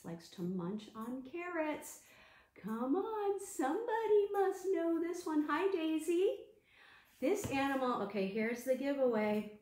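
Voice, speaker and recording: A children's librarian hosts an interactive storytime, talking to small children in an animated, sing-song way. Her voice is a little high, and the room sounds echoey.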